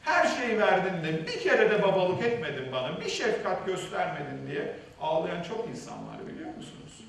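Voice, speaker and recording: A middle-aged man on stage in a university hall, telling a personal story with vivid, dramatic swings between loud and hushed speech. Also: high voice, very animated, moderate pace, gravelly, few pauses. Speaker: seminar speaker sharing a personal story. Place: university auditorium. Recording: echoey hall, distant mic.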